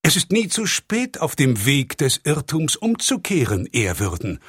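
A scheming middle-aged priest, read by a male audiobook narrator, heaping unctuous flattery on his superior. His voice sits somewhat above the reader's own and moves expressively. The sound is dry and close. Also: fairly high pitch, unhurried, breathy edge, dry recording, voice pushed up, heavily acted. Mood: smooth flattery.

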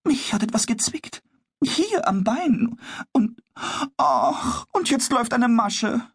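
Husky chatty neighbour lady. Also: a little high, lively intonation, takes it slowly, exaggerated voice. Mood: startled. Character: friendly neighbour woman, customer of the carpenter.

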